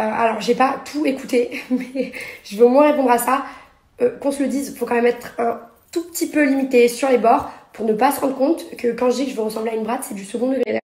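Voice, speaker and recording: A young woman and reality TV personality rants sarcastically into her phone, held at arm's length, for a social media story. Her voice is fairly high with a darkish tone, her delivery indignant and rapid-fire, and the room is echoey.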